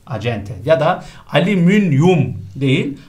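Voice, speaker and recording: A man's voice: mid-range voice, lively intonation, a little fast. A man teaching a spelling lesson for exam prep, quizzing a colleague and repeating each correct answer.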